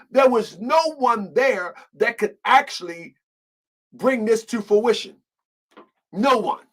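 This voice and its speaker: A man's voice: high voice, fairly bright tone, rough recording. Male host, fired-up solo commentary, hammers rhetorical questions, repeats himself when heated. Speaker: online show host. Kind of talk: impassioned commentary monologue.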